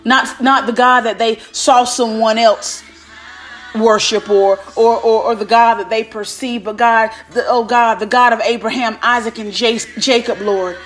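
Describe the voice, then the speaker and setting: A woman's voice: fairly high pitch, steady tone, a little slow, a bit bright. A woman praying aloud like a preacher, fervent and commanding, punctuating her phrases with repeated invocations of God. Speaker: preacher leading prayer. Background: music.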